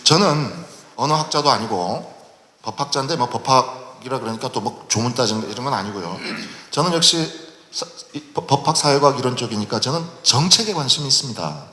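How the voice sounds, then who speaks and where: Middle-aged man in an echoey hall, bright voice. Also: mid-range voice, animated. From Jeju, South Korea. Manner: halting, with many drawn-out pauses. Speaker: panel moderator. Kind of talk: formal forum moderating. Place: large lecture hall at a public forum. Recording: echoey hall recording with faint noise.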